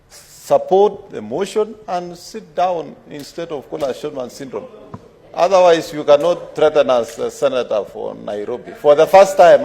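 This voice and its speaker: A man's voice: mid-range voice, creaky, darkish tone. A man with a Kenyan accent making an indignant, emphatic and insistent formal objection as a senator in parliament. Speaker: majority-side senator raising a point of order.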